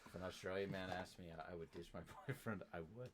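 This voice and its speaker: A man's voice: low-pitched, fast talker. A man chatting casually while playing a video game, joking and exclaiming at the action. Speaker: gamer playing on stream. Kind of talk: casual let's-play chat.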